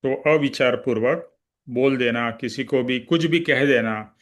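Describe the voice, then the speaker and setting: A man's voice: medium pitch, measured pace. A man teaching a spiritual study class, explaining patiently, slipping in English words and checking in with his listeners. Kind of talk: religious study-class talk.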